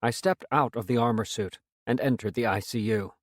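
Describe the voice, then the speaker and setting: A man reading a first-person science fiction story as an audiobook narrator in a measured, steady way. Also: medium pitch, no room sound, studio quality.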